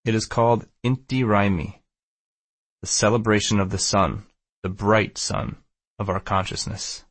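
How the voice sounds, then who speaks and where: A man voicing a calm, solemn male shaman leading a ceremony, measured and instructive, in an audiobook. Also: fairly low pitch, dry recording. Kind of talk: audiobook character dialogue.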